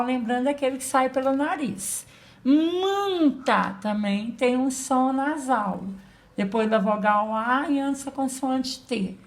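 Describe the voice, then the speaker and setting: Lady teacher talking to little kids, slightly high voice, patient, sounds out every letter. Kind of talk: slow children's lesson. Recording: echoey room.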